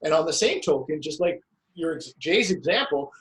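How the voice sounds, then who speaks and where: A man in casual conversation about his staff, animated and emphatic, acting out quotes. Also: on the high side, normal speed, rough recording. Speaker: business owner discussing team coaching.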